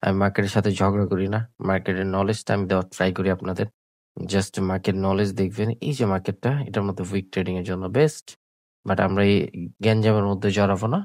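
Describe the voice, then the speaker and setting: A sick, coughing man, talking slowly through live trades on screen and repeating his points, mixing in English words. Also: low voice, little pitch movement, darkish tone, no room sound. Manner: slow, repetitive explaining with English words mixed in. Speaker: trading tutor. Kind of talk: live trading screen commentary.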